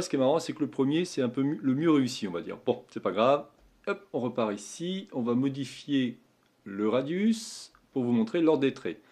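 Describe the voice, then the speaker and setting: A man's voice: medium pitch, darkish tone. Easygoing man teaching while drawing. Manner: talks while drawing, says "hop" and "hein"; easygoing about mistakes. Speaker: Japanese writing teacher. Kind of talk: casual screen-drawing tutorial.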